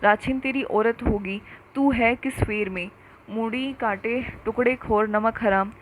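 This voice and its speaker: A woman reading a story aloud and voicing a furious, sharp-tongued village wife who scolds and hurls insults. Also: a little high, measured pace, a little hiss or hum, natural voice, low-quality recording.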